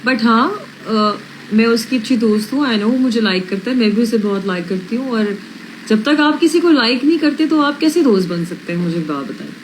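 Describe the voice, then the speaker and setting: A woman's voice: on the high side, lively intonation, moderate pace, slight background noise, low-quality recording. A young woman with a slight British accent, chatting casually on a livestream as a reality show contestant, frank and self-assured, dropping English phrases into her talk. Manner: mixes English phrases into speech.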